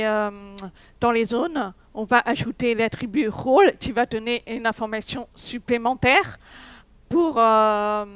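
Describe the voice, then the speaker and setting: Woman, tech conference talk, hesitant with fillers, smooth, slightly high voice. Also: no room sound. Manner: hesitant, many fillers and restarts. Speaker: conference speaker. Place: conference hall.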